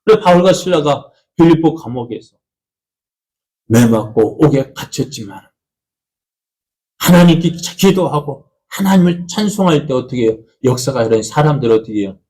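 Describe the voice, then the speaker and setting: A man's voice: lively intonation, normal speed. A man preaching a Sunday sermon in a church, asking his congregation questions and answering them himself, his voice rising and falling widely between phrases. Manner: pitch and loudness rise and fall widely between phrases. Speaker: pastor. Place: church sanctuary.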